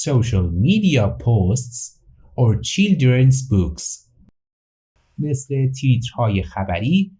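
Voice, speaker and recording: Man teaching English slowly, lively pitch. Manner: reads English slowly and clearly, then translates quickly into Persian. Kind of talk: bilingual language lesson, slow English then Persian translation.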